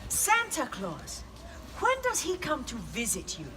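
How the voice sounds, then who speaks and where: Woman playing La Befana, a high-voiced Italian witch. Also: wildly swooping pitch, a little slow, distant mic, very noisy. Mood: storytelling. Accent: Italian (put on). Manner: theatrical, coaxing, asks the audience questions. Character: kindly old Italian witch, the gift giver. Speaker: storyteller for children. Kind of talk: live in-character storytelling.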